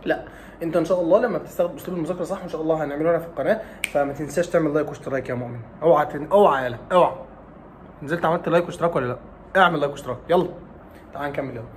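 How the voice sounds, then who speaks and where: A man's voice: a little high, very fast, a little hiss or hum. A young man with an Egyptian Arabic accent giving study advice in a casual vlog, teasing and scolding like a big brother with lots of rhetorical questions. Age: young adult.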